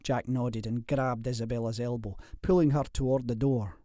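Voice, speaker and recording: A man narrating a historical romance audiobook in a measured, steady way. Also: mid-range voice, no room sound. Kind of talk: scripted narration.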